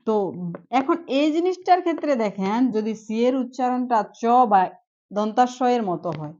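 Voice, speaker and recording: A woman's voice: fairly high pitch, lively intonation, moderate pace, warm tone, highs cut off. A woman giving an online English pronunciation lesson, patiently repeating each point and checking that the students follow. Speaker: English teacher.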